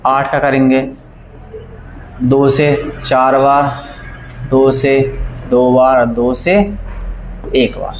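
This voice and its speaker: A man's voice: mid-range voice, flat delivery, extremely slow, long pauses. Male math teacher, classroom lesson, keeps quizzing the students; roomy, echoey sound. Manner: keeps asking the class questions and checking they follow; works sums aloud step by step, repeating numbers. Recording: echoey classroom, faint background noise.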